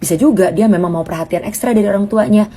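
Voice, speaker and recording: A woman giving casual parenting advice in an expressive, reassuring way. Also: medium pitch, fast talker, husky. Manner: expressive, acts out parents' remarks in quoted voices. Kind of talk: casual educational monologue.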